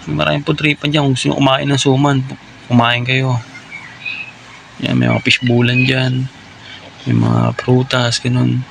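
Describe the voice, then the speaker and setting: A man's voice: medium pitch, gravelly, fairly bright tone, a little hiss or hum. A young Filipino man with a Filipino accent narrating his food trip vlog in a rambling, chatty voice-over, ending many lines with "no?". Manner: admits he is still learning voice-over, unsure of his volume. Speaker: vlogger.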